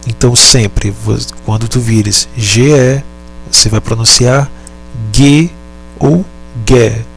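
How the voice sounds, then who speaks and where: A man teaching a lesson, speaking deliberately, pausing often and correcting himself. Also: medium pitch, fairly bright tone, faint music behind. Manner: deliberate, halting, repeats and self-corrects. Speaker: Latin teacher. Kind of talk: slow explanatory lesson.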